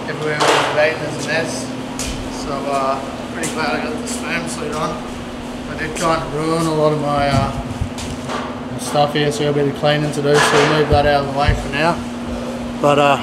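In a big indoor pole barn workshop, a middle-aged DIY builder and vlogger speaks to his handheld camera in a relaxed, slangy manner. His voice is fairly high, and the camera mic held at arm's length picks up the barn's echo and clear background noise.

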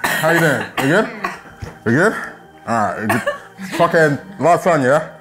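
A man talks with his mouth propped open by a guard, so his words come out slurred. His pitch swings a lot as he swears and banters casually, steering a challenge along. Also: lively intonation, a little slow. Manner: constant swearing. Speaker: challenge host. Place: small room at a table.

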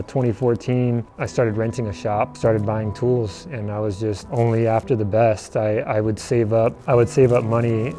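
A man in his thirties, a furniture maker and company founder, telling his own story to camera in a relaxed, reflective way, with fillers and restarts, standing outdoors in front of a building. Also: medium pitch.

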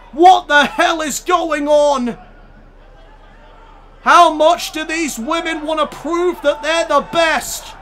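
A man shouting excitable wrestling play-by-play commentary over a video game, straining his voice as he goes. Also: very high voice, a little hiss or hum. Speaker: YouTube gaming commentator.

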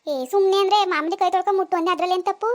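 A woman's voice: extremely high pitch, steady tone, racing. A woman voicing a patient young mother who pleads and explains herself, in a rural Kannada village dialect. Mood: explaining. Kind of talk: cartoon voice acting.

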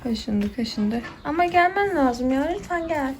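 A woman's voice: high-pitched, animated, a little slow, noisy background. A Turkish-accented woman on a farm vlog, coaxing and soothing a calf and hens outdoors, laughing often. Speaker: farm vlogger. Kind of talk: casual farm vlog, talking to animals. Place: outdoors in a farmyard garden.

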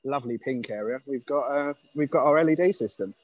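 A man's voice: medium pitch, a little fast, no room sound. A man giving a casual guided walkthrough of a stadium's facilities over a phone call, with many fillers. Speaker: stadium grounds manager.

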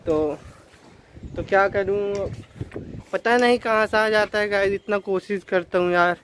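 Young male vlogger, high voice, windy outdoors. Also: unhurried, a bit bright. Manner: complaining, addresses viewers as guys. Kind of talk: casual vlog chat. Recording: outdoor wind noise.

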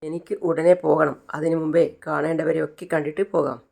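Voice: medium pitch, level tone, a little fast, creaky, darkish tone. Give me a worn-out, bitter middle-aged father, read by a storyteller recapping a serial. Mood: puzzled.

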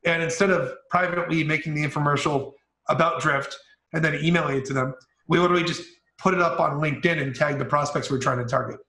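A man's voice: on the high side, fairly even intonation, fast, bright, forceful tone, roomy sound, poor audio. A man, a marketing executive, telling an upbeat story as an interview guest on a video call. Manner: upbeat, eager storyteller with casual fillers.

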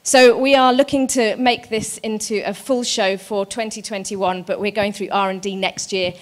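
A woman's voice: mid-range voice, steady tone, moderate pace. A woman presenting her company's show at an arts conference, earnest and fluent. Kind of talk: live pitch at an arts conference.

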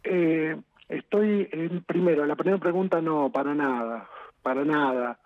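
A man's voice: on the high side, dry recording. Distressed Argentine man on a tinny phone line. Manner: halting, repetitive, pleading. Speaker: politician interviewed as a guest. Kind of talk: live news phone interview. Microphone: phone call.

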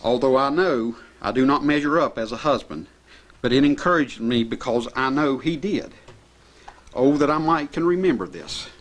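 A middle-aged man preaching a sermon at a pulpit in a small chapel, reading scripture verses in an earnest, steady way. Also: medium pitch. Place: small church chapel indoors. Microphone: pulpit mic.

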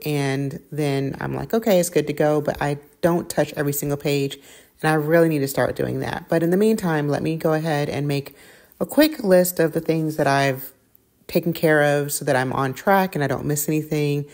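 A woman's voice: low-pitched, a little mellow. A middle-aged woman vlogging casually at home, chatty and self-correcting with many fillers, recorded on a camera at her dining table. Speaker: lifestyle vlogger. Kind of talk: casual vlog chat. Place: home dining room, indoors.

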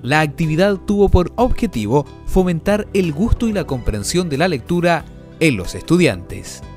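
A man's voice: fairly high pitch, sing-song, normal speed. A man reading scripted news narration as a voice-over. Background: music.

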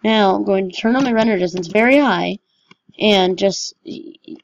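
A woman's voice: mid-range voice, normal speed, gravelly, no echo, highs cut off. A woman giving casual, chatty and self-mocking commentary over her own gameplay as a gaming channel host.

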